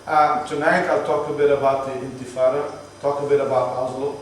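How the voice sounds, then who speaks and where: A man's voice: mid-range voice, level tone, fairly quick. A man talks a tour group through the sights, explaining things patiently and joking along the way. His voice is distant and echoey, picked up on a moving bus with faint road noise behind him. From Palestinian, from Jerusalem. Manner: chatty, explaining patiently with jokes. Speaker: tour guide. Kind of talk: guided tour talk to a group.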